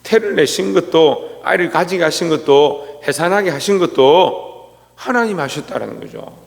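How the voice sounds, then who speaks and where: Male pastor preaching at dawn service, bit of fry in his voice, reverb from the church hall. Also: a little high, expressive, moderate pace. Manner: preaching, reads scripture, acts out quoted complaints. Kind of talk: early-morning sermon.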